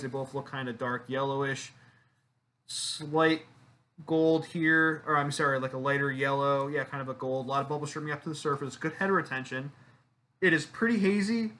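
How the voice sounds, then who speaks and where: A man's voice: fairly high pitch, pushed and bright. A man hosting his own beer review channel, chatting casually to the camera with fillers and self-deprecating asides.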